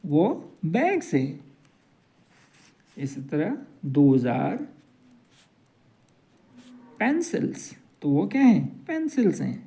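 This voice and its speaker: Slow, mellow man teaching English. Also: a little high, sing-song, gravelly. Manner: slow, drawn-out example sentences. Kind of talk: whiteboard grammar lesson.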